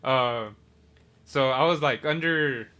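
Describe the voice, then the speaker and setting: Bright-voiced animated podcast host. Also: male voice, medium pitch, takes it slowly, clear, resonant tone. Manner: animated storyteller, laughs through retold quotes, swears. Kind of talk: casual chat.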